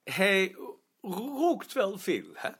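A man's voice: sits high, wildly swooping pitch, extremely slow, fairly bright tone, slightly rough, full character voice. An actor playing a prim male office director who talks hesitantly, stammering now and then. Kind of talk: drama acting.

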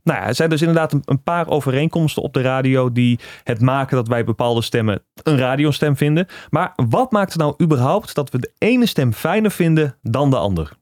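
A man's voice: medium pitch, expressive, brisk, a little mellow, no room sound. Male Dutch podcast host, close dry sound. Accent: Dutch (Netherlands). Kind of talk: conversational podcast presenting.

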